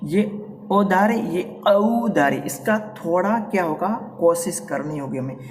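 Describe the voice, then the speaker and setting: A man with a Rajasthani accent teaching a Hindi grammar class, repeating vowel sounds slowly and calling his students "beta". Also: fairly high pitch, a little mellow, far from the mic, slight background noise.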